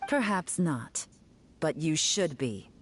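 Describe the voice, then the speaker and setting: A woman voicing a cool, self-assured enforcer in a video game, measured and commanding with a wry, stern edge. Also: low-pitched, lively intonation, slight background noise. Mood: confident, menacing.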